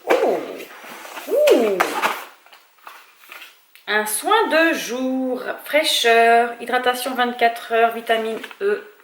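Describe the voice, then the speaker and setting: A woman vlogger talking at an easy, unhurried pace in a fairly high voice. She chats casually at home and thinks aloud, with small hesitations as she goes. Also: expressive, a little hiss or hum. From France. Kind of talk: casual chat.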